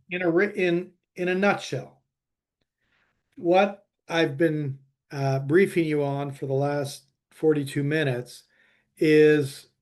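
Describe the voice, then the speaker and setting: A man's voice: fairly high pitch, a little mellow. A man giving a webinar presentation, talking with many fillers and restarts.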